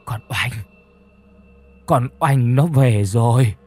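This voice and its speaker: A man voicing a frantic old grandmother who wails and shrieks in a husky voice. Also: mid-range voice, slow, darkish tone, faint music behind. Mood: faint. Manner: wailing cries.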